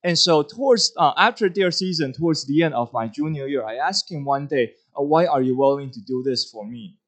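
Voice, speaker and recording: A man's voice: a little high, animated. Earnest man from Taiwan giving testimony. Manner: earnest, halting with many fillers. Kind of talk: church testimony.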